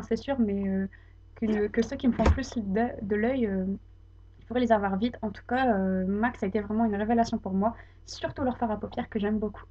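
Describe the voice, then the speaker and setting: A woman's voice: a little high, warm tone, dull audio. A young woman from France chatting casually about her favourite beauty products, full of fillers and repeated praise. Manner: chatty, many fillers, enthusiastic repetition. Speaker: beauty vlogger. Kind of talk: casual product review to camera.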